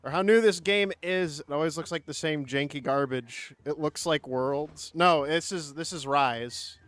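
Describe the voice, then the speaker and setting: A man's voice: fairly high pitch, measured pace, fairly bright tone, dry recording. A young man streaming a game, teasing his friends in casual profane chat and talking to his chat.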